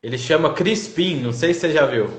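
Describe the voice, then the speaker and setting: A man hosts a relaxed live chat, telling stories with halting fillers and frequent tag questions. His voice sits a bit high for a man and bounces around a roomy, echoing space. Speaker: host of a live stream. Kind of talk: casual chat. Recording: roomy home echo.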